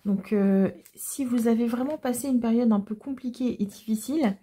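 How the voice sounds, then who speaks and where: Tarot reader, female, warm dark tone and slightly raised pitch, gentle and unhurried, pausing often as she explains. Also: slightly rough. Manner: gentle, hesitant explaining with frequent pauses. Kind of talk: casual tarot reading to viewers.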